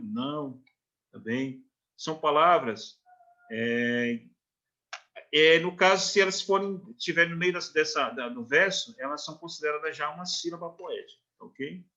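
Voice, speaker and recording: Brazilian guy teaching a literature class online, bright voice, slightly high, slows way down to split verses into syllables. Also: dull audio. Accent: Brazilian Portuguese. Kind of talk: recorded online lecture.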